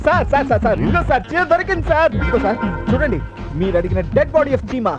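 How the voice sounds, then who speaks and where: An actor playing a flustered student who pleads and babbles in a comic film scene. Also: male voice, very high voice, very animated, quick pace, muffled recording, over music. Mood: excited.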